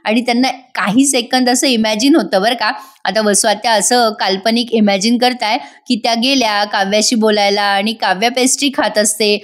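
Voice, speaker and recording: A woman's voice: on the high side, steady tone, moderate pace. A woman with a Marathi accent narrating a voice-over recap of a TV serial, retelling the scenes and acting out the characters' lines. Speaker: TV serial reviewer.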